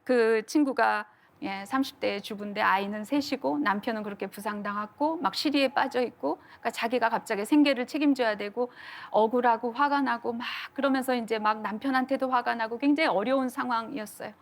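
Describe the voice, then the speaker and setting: A woman's voice: a little high, a little fast. A middle-aged woman lecturing to an audience, telling stories earnestly and acting out the quotes. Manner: earnest storytelling with acted-out quotes.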